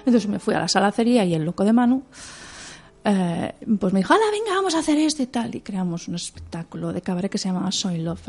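Expressive woman singer in interview, medium pitch, faint music underneath. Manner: expressive, animated storyteller with laughs. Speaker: opera singer and performer. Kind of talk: interview conversation.

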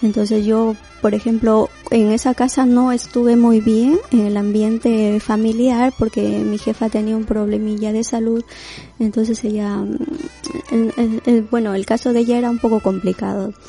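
Latin American woman in her forties, interview guest; mellow, gravelly delivery, faint music underneath. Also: a little high, little pitch movement, normal speed. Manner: reflective, many restarts and fillers. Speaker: guest, domestic worker. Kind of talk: conversational interview.

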